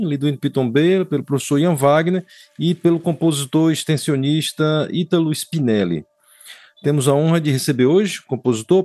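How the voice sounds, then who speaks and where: A man hosts and reads a formal, measured opening, his voice a little high for a man. The sound is dry and close. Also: warm tone, no room sound. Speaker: host. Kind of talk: scripted show introduction.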